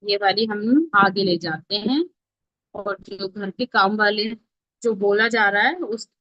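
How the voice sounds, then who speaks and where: An Indian woman, working as an online instructor, gives an informal live tutorial on mobile video editing, walking through each step and checking in with her learners. Her voice is medium-pitched and slow, with no room sound. The audio is dull, lo-fi, close and dry.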